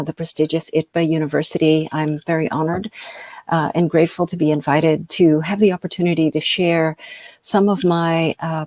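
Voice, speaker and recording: A middle-aged American woman gives an informal lecture over a video call as an invited speaker, hesitating with lots of ums and uhs. Her voice sits low with a darkish tone, recorded dry with clean studio sound.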